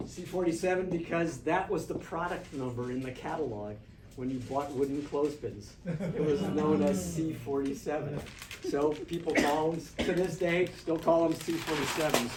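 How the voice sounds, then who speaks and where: A man with a somewhat high voice leads a hands-on lighting workshop, talking loosely and telling stories with restarts and asides. He is picked up from across a reverberant studio classroom, and steady background noise sits under his voice. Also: moderate pace. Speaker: film lighting instructor. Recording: echoey room, distant, noisy ambience.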